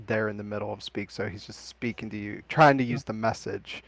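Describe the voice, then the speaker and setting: A man's voice: on the low side, fairly even intonation, fairly quick, creaky, a bit bright, no room sound. Chatty man player explaining, dry sound. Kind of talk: casual tabletop chat.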